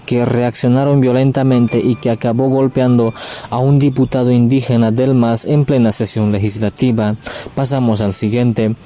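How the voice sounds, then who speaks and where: A man reading a radio news bulletin as a correspondent, moving through the headlines one after another. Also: mid-range voice. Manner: flat, steady headline reading.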